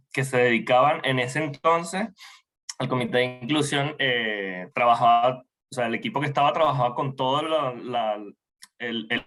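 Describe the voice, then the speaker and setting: A man from Venezuela, speaking haltingly as a panelist in an online talk, with many restarts and fillers. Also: mid-range voice, bright, forceful tone.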